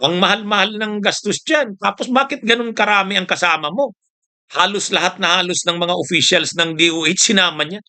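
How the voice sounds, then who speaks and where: A man's voice: sits high, a little fast, pushed and bright. A man hosting a casual political commentary show, mocking his subject, laughing often, tossing in short questions and repeating his points for emphasis.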